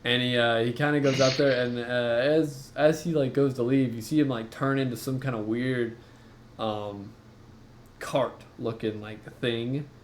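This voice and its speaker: Man, game master, halting narration, lots of fillers, mid-pitched voice, faint noise behind. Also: steady tone.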